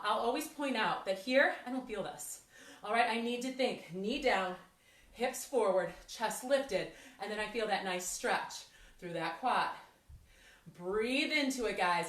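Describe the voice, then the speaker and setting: Breathless high-voiced woman fitness instructor. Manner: encouraging, counting down reps. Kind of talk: workout class instruction. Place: fitness studio. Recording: echoey room, mic at a distance.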